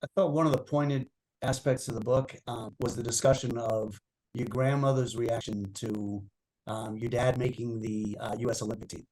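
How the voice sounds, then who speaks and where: A man moderating an author interview over a video call, asking long, measured questions with many "um" and "uh" pauses. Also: medium pitch, fairly even intonation, darkish tone, low-quality recording.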